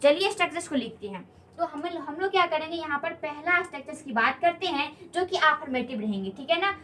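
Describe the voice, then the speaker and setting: A woman's voice: high voice, expressive, fairly quick, bright, forceful tone, a little hiss or hum. A woman teaching a spoken English lesson at a board, patiently repeating key points and asking learners questions.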